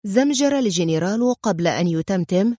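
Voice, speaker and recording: A woman narrating a story as an audiobook, in a steady and measured storytelling manner, close to the mic. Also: mid-range voice, dry recording.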